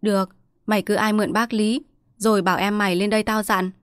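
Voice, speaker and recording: A woman's voice: mid-range voice, little pitch movement, quick pace, no echo, clean studio sound, close to an everyday voice. A woman storyteller voicing a district chief's wife, an indulgent mother who coaxes her child and bosses her servants. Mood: commanding. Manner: coaxing, bossy to servants.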